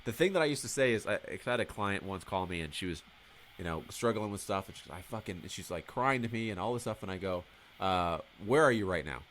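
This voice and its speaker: Candid male guest, low voice with big swings, profane storyteller acting out dialogue. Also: lively intonation, fairly quick, fairly bright tone, a little hiss or hum. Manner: candid, swears freely. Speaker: podcast guest. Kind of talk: casual interview conversation.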